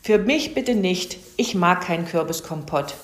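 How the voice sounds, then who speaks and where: Lady voicing a grumbly greedy fox guy, low-ish, echoey room. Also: moderate pace, natural voice. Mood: grumpy. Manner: grumbling, sulky. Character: grumpy, greedy male fox gentleman. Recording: roomy echo.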